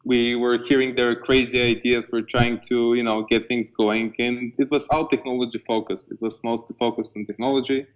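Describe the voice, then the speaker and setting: A man in his twenties with a Bulgarian accent and a mid-pitched voice. He talks casually, like a founder being interviewed about his own experience. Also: level tone, normal speed, hardly any pauses, rough recording. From eastern Bulgaria. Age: 20s.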